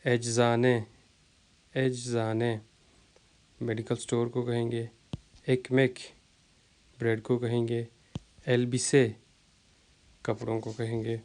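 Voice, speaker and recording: A man teaching a vocabulary lesson who speaks. He repeats each word slowly and uses many fillers as he explains. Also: mid-range voice, completely flat delivery, a little mellow, a little hiss or hum. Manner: slow, repeats words to drill pronunciation, many fillers. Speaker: language teacher.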